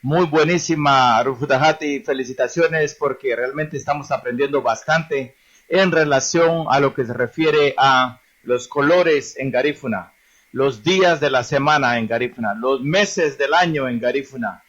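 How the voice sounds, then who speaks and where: A man's voice: medium pitch, a little slow, fairly bright tone, highs cut off. A man hosting a radio show, sending friendly greetings to listeners. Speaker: radio host.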